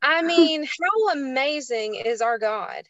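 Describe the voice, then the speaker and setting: A woman's voice: high-pitched, animated, slow pace, dull audio, a crowd in the background. Earnest woman telling a story. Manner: earnest, emotional storytelling, folksy. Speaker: co-host of a faith show. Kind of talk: casual faith chat and storytelling.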